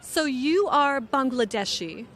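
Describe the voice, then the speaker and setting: A woman playing a cheerful news reporter who interviews tourists outdoors, speaking clearly and slowly for an English lesson. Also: high-pitched, animated, a bit bright, full character voice. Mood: upbeat. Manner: clear, upbeat, slow teaching delivery. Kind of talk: scripted English lesson dialogue. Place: outdoors in a city. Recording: music bed under the voice.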